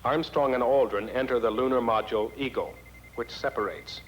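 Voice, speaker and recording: A man's voice: mid-range voice, normal speed, a little hiss or hum. A man reading scripted narration for a documentary, on a muffled archival film soundtrack. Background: music.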